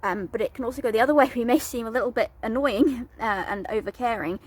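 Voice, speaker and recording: A woman's voice: fairly high pitch, fast, breathy edge. A woman talking earnestly and plainly to camera in a vlog, explaining things step by step with some fillers. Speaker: advocate vlogger.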